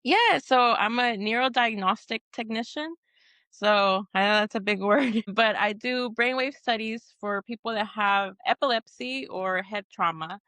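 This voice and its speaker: A woman's voice: on the high side, a little slow, pushed and bright, no echo. A woman from Texas, a Marine veteran guest, answering interview questions earnestly with frequent restarts and fillers. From Texas, USA.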